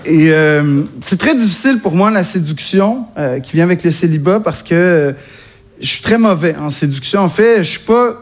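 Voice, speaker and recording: Animated and high-sitting, this young comedian's voice keeps a moderate pace as he delivers a self-deprecating set to a live crowd whose laughter carries in the background. He comes from Quebec, Canada, speaks with a Québécois French accent, and rambles chattily with plenty of hesitations.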